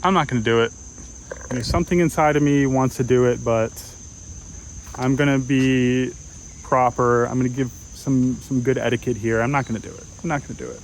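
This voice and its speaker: A man's voice: medium pitch, fairly even intonation, brisk, a little hiss or hum, poor audio. Rambling young man vlogging in a park. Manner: rambling, musing, many fillers and restarts. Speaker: travel vlogger. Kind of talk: casual walking vlog. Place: outdoor city park.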